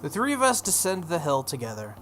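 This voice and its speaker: A man reads a visual novel aloud as narration, tripping over the text now and then and breaking into casual asides. His voice is on the high side with huge pitch swings, brisk and fairly bright. Faint music plays behind, and background noise is noticeable.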